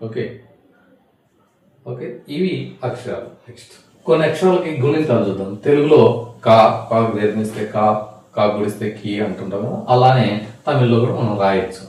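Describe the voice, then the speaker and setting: A man teaching how to write letters, repeating each sound slowly and patiently as he writes. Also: mid-range voice, darkish tone. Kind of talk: writing-board lesson on Tamil letters. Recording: echoey room, voice from far off the mic.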